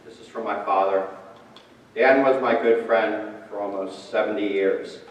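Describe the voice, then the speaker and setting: A family friend reads a tribute to his father at a memorial service in a large, reverberant hall. He speaks in a low voice with a steady tone and measured pace. The distant mic leaves the sound muffled and echoey.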